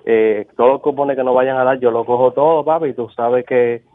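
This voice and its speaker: A man's voice: medium pitch, steady tone, moderate pace, no room sound. A man calling a radio show, chatting casually and familiarly in slang, with hesitant starts. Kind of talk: casual call-in chat. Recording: muffled lo-fi telephone call.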